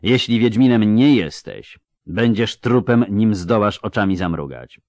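A man's voice: fairly low pitch, lively intonation, a little slow, a little mellow, no echo. A man voicing a ruthless, sneering male bounty hunter in an audiobook. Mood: menacing. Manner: sneering, hissing.

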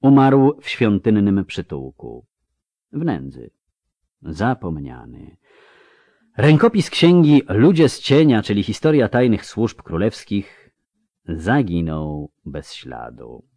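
A man narrating a fantasy audiobook in a measured, dramatic way, slowing down for effect on key phrases. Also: on the low side, big pitch swings, mellow, no room sound.

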